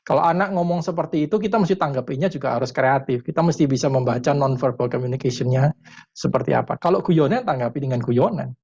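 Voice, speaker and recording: Brief: male parenting speaker, mid-pitch, unhurried and reflective, slightly muffled video-call sound. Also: darkish tone, breathy edge. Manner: thoughtful, pauses with many fillers, mixes in English terms. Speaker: parenting educator answering questions. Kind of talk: webinar consultation answer.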